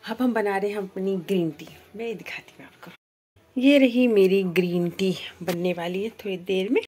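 A woman's voice: fairly low pitch, darkish tone. A woman in her thirties chatting casually to her viewers as she narrates her day for a vlog. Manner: chatty, addresses viewers directly. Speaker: vlogger.

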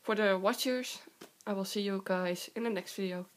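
A young woman with a hoarse, sore-throat voice from a cold, chatting casually in a halting, giggly way as she hosts a show-and-tell vlog. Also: mid-range voice. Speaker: video host. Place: indoor room with wooden floor. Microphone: handheld camera close by.

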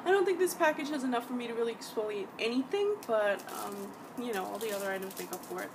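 A young woman chats eagerly about makeup on a webcam, filling her talk with ums and restarts. Her voice sits a little high and comes from a short distance away. Steady loud noise hums behind her. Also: quick pace. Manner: chatty, enthusiastic, frequent ums and restarts. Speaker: beauty vlogger. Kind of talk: product review vlog. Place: bedroom. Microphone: webcam at desk distance.

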